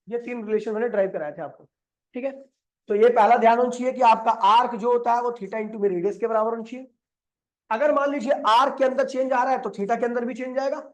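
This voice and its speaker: A male physics teacher explaining step by step on a board. He keeps asking questions and answering them himself, repeats key steps and mixes in English terms. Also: very high voice.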